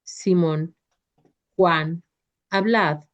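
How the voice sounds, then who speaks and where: A woman's voice: fairly low pitch, extremely slow. A woman voicing a frantic, pleading apostle. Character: Peter, anguished male apostle, frantic. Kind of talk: devotional reading. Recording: dull lo-fi recording.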